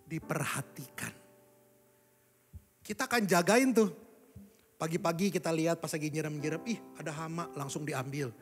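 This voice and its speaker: A young man preaching a sermon, animated, switching between loud exclamations and low asides, often addressing the congregation. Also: normal speed, long pauses. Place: large church hall. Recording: live church recording with long reverb and faint music.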